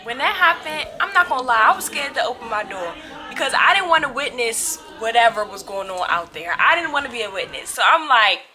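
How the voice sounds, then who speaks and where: A young adult woman storytime vlogger tells viewers an animated story in a dramatic, slangy, casual way, acting out the dialogue as she goes. Her voice is fairly high and a little fast.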